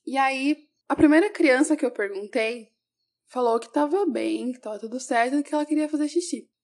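A woman's voice: high-pitched, moderate pace, darkish tone. A woman, a teacher, telling a personal story in a reflective way, often correcting herself mid-sentence.

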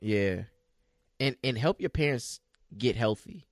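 A man co-hosting a podcast, chatting casually and relaxed as he lies in bed. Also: mid-range voice, a little slow, no room sound, studio quality. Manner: relaxed, talking while lying in bed. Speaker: podcast co-host. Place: bedroom, recorded in bed.

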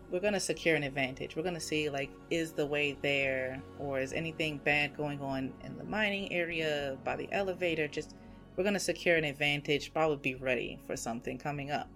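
A woman narrating a solo tabletop game, describing the scene and her dice rolls with relaxed asides to the listener. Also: low-pitched.

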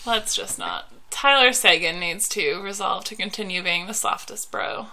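Woman podcaster, bright crisp voice, teasing and chatty, super casual. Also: mid-range voice, moderate pace, slight background noise. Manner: playful, teasing. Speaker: hockey podcast co-host. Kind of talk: casual chat.

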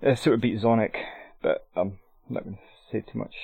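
A man co-hosts a casual gaming chat in a low, gravelly, husky voice. The audio is thin and phone-like. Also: fairly quick, dry recording. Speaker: podcast co-host.

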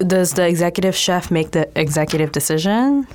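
A woman's voice: on the low side, animated, brisk, a little mellow. A woman co-hosting a chat, asking curious follow-up questions. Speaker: podcast co-host. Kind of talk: casual chat.

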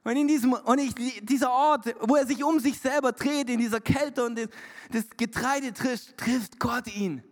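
Guy preaching in a church, high voice, long echo off the hall, hammers his points again and again. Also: normal speed. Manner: emphatic and repetitive, mixing in English words. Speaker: pastor. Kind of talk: sermon.

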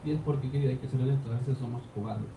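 Chilean pastor preaching in an echoey hall. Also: male voice, medium pitch, steady tone, racing. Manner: direct, urges with rhetorical questions. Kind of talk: sermon. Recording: echoey room from a distance, faint noise.

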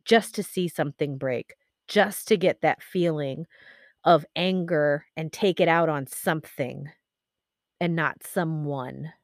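A woman hosting her own podcast, grieving and speaking candidly in a halting, reflective monologue full of pauses and fillers. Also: low voice, dry recording, clean studio sound. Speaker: podcast host.

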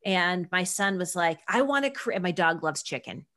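A woman's voice: on the low side, animated, moderate pace, sharp tone. A middle-aged woman, a creativity teacher, chatting casually in an interview and acting out quoted voices with animation.

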